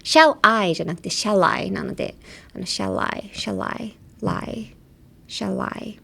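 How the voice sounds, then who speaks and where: A woman hosting a casual language-lesson podcast, chatting playfully and repeating words slowly to drill their pronunciation. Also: mid-range voice, creaky, husky. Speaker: podcast host teaching English.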